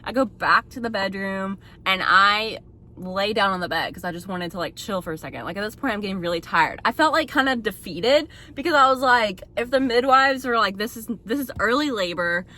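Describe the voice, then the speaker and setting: Bright-voiced young woman telling a story. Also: mid-range voice, a little fast. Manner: chatty, fills speech with "like", laughs often. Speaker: vlogger sharing her birth story. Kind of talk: casual storytelling to camera.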